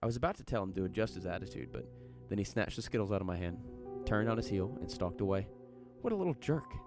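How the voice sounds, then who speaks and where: Deep voiced guy telling a creepy story, chatty folksy read, soft music under it. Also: quick pace. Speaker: narrator. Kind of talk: reading a horror story aloud.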